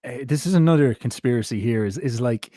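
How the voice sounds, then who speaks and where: Male interview host, rambling and musing, mid-pitched voice, dry close sound. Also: a little fast, warm tone, dry recording. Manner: rambling, musing, many fillers. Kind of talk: casual interview talk.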